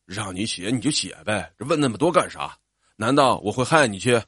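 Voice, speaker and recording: A stubborn, gruff old country father, voiced by a male storyteller. He speaks in a lowered voice with short, insistent lines. The recording is dry and close, with no room sound. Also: expressive, a little fast, fairly bright tone, no room sound. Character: elderly rural father, stubborn and caring.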